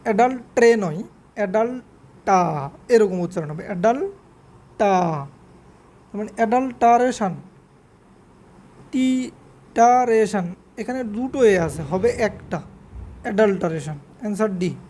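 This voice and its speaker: Female teacher, warm and mellow tone, drills spelling by repeating words and spelling them out slowly. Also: medium pitch, expressive. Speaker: English vocabulary teacher. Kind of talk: spelling quiz lesson.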